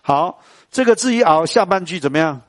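A male teacher with a Taiwanese Mandarin accent leads a classical poetry lesson in a lively classroom manner. He quizzes his students and chants verses slowly and deliberately. The recording is dry, with little room sound. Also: high voice, no echo.

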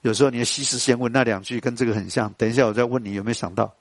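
A male teacher with a Taiwanese Mandarin accent leads a classical poetry lesson in a lively classroom manner. He quizzes his students and chants verses slowly and deliberately. The recording is dry, with little room sound. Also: mid-range voice, no room sound.

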